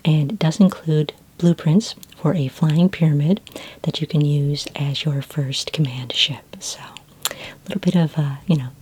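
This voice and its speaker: Her voice sitting low, the woman gently takes on the role of a warm, helpful librarian in ASMR, speaking slowly in a breathy near-whisper.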